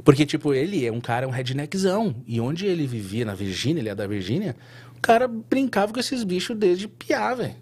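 A man's voice: a little high, a little fast, breathy edge. Slangy man telling a story. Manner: animated, slangy, frequent restarts and fillers. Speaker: tattoo artist guest. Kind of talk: casual storytelling in an interview.

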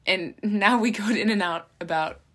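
A woman's voice: medium pitch, normal speed, a bit bright. A young woman co-hosting a casual comedic chat, rambling and giggly, cracking jokes as she goes. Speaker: co-host.

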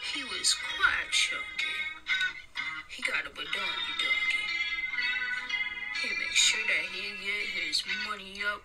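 A woman's voice: mid-range voice, lightly acted, rough recording. A woman putting on a Southern voice to rap a silly story in a rhythmic drawl. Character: mock-Southern rapping storyteller, playful woman. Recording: rap over loud music.

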